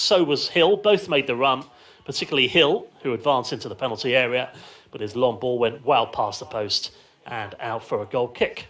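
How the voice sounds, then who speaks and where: A bit bright and mid-range, this man's voice carries live radio football commentary from an outdoor stand at the ground. He describes the action in brief, clipped phrases.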